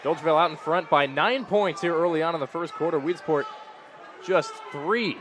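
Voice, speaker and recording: Speaking at an ordinary pace in a slightly high voice, this young American sports broadcaster delivers commentary over the live arena noise around him. His roles include play-by-play announcing and postgame radio hosting.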